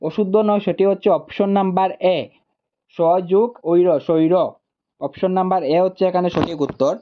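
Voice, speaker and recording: A man tutor walking through exam answers, repeating each option deliberately. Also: high voice, steady tone, lo-fi sound.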